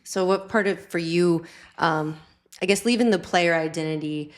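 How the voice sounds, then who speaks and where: A woman's voice: lowish voice, normal speed. A young adult woman hosting a sports podcast, interviewing a guest in a bubbly, upbeat way. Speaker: podcast host and sports reporter. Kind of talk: casual interview.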